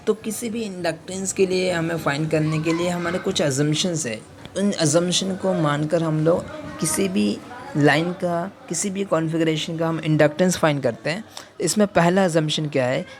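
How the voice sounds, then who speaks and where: A man's voice: on the high side, noisy background. A man giving an electrical engineering lecture who keeps asking questions and answering them himself, with many fillers and restarts. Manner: reads English terms out slowly. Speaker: teacher.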